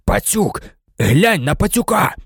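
A man reading aloud, voicing a hoarse, desperate male fugitive. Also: sits high, very animated, unhurried, no echo, studio quality, pitched above the performer's own voice, heavily acted.

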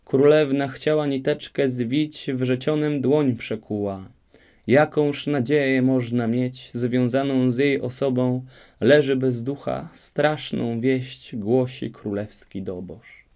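Storybook bit: man as a dutiful court drummer, loud, rhymed, declaiming, with a dark gravelly voice. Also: medium pitch, steady tone, slow pace. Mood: proclaiming.

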